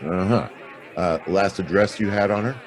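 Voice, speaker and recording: An actor playing Philip Marlowe, a world-weary private detective, in a wry, laconic noir radio drama style. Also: male voice, sits low, normal speed, some chatter behind, lightly acted. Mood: businesslike.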